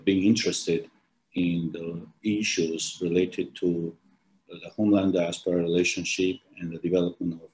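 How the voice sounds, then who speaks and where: Over a laptop webcam on a video call, a deep-voiced man from Armenia gives a formal presentation of his book from a small, plain-walled office. He hesitates constantly, restarting sentences and filling gaps with ums, in a slightly mellow voice captured on a low-quality recording.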